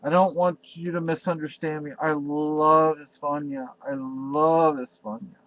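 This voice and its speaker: In a measured, level tone and a slightly high voice, an older vlogger from Spain rambles through a personal, emotional monologue to his webcam. He restarts often and leans on "you know." He's indoors in a cluttered room at home, captured with slightly dull lo-fi webcam audio.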